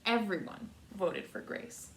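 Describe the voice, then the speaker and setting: In a recording marked by faint noise, a distant mic and roomy echo, an American kindergarten teacher leads a read-aloud lesson for young kids. Her mid-range voice delivers simple, deliberate, repetitive phrases.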